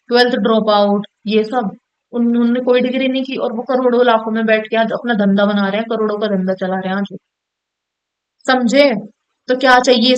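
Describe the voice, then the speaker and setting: A woman's voice: a little high, smooth, poor audio. A young woman, a student, giving casual motivational career advice straight to her viewers, direct and coaxing, often checking they follow. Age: young adult. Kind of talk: casual motivational talk to camera.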